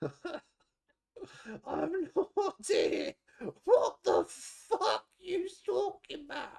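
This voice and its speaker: A woman's voice: wildly swooping pitch, drawn-out words, creaky, full character voice. A woman voicing a surly, foul-mouthed male goblin potion seller who shrieks his irritation. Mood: exasperated. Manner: irritable, swearing, shrill and shouting.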